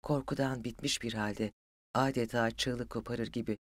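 An audiobook narrator telling a literary story in an even, steady voice. The pitch sits in the middle range. The recording is close and dry, with no room sound. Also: moderate pace, no room sound.

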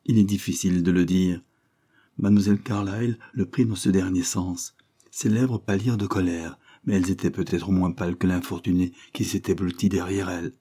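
A man narrating a classic novel as an audiobook, in a measured literary reading. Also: low voice, fairly even intonation, dark tone, breathy edge. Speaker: audiobook reader. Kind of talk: scripted narration.

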